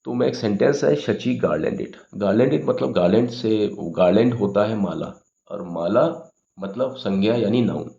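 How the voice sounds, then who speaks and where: A man's voice: on the low side, expressive, moderate pace, creaky, hardly any pauses, dark tone, lo-fi sound. A man teaching English grammar in Hindi, patiently explaining words and often checking with "okay?".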